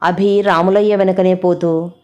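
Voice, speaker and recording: A woman narrating a village story in a steady, plain way, with a Telangana Telugu accent. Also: on the low side, measured pace, lo-fi sound.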